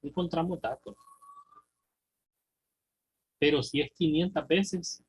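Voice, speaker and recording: A man's voice: on the high side, steady tone, takes it slowly, breathy edge, rough recording. A man with a Honduran Spanish accent teaching a recorded lesson, thinking aloud through a problem and asking students check questions. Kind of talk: recorded math and physics lesson.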